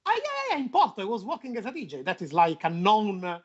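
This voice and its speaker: Fast-talking and sing-song, this high-voiced man speaks English with a foreign, non-native accent over muffled audio. Presenting a football show, he keeps the chat casual and playful, repeating himself for emphasis.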